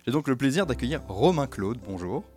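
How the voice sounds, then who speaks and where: A man's voice: mid-range voice, big pitch swings, brisk, darkish tone, soft background music. A man hosting a game development podcast, chatting in a friendly, hesitant way with many fillers. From France. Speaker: podcast host. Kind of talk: conversational interview.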